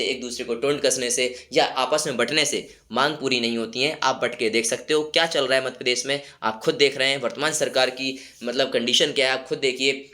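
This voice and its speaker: A man's voice: medium pitch, pushed and bright. A man with a sore throat and a cold, hosting his channel and urging viewers with rhetorical questions. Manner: rallying, exhorting, rhetorical questions. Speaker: YouTube channel host. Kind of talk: motivational commentary to viewers.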